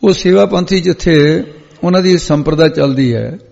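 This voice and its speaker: Male Sikh preacher, story-driven katha with slow chanted verses; lo-fi recording with hall echo. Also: a little high, creaky, a little mellow. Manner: chants scripture lines slowly, then explains them in speech. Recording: echoey hall, dull lo-fi sound.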